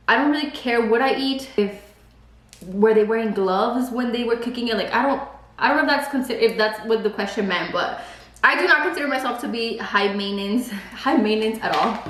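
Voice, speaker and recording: A pregnant beauty vlogger in her twenties, a native Spanish speaker, chats casually while eating and says "like" a lot. Her voice is a little high and fairly bright, with lively intonation and a moderate pace. The room sounds echoey.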